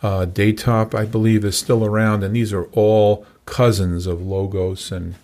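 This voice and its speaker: An older man in his sixties, speaking as a guest on a recovery talk show. His voice sits low, and he talks in a halting way, full of fillers and false starts. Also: flat delivery, darkish tone. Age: 60s. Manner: halting, many fillers and restarts. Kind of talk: casual conversation.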